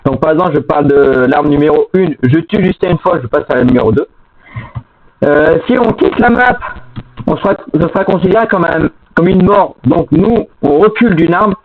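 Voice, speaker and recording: High-voiced man with a half-robotic glitchy mic. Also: lively intonation, normal speed. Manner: rambling, self-correcting rule explanations. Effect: half-robotic, glitchy lagging voice from a bad mic. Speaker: co-player explaining game rules. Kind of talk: casual gaming chat. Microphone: cheap headset or desk mic. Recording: tinny, lo-fi cheap microphone.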